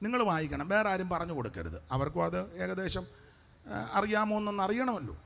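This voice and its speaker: A middle-aged man preaching a revival crusade sermon as pastor, fiery and shouting praise between chatty asides. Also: high voice, lively intonation, fairly quick, gravelly.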